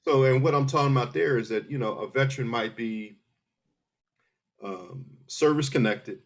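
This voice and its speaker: At a moderate pace and in a mid-range voice, a middle-aged Philadelphia army veteran talks through a casual interview as a guest. His manner is earnest, with step-by-step explanations and plenty of restarts.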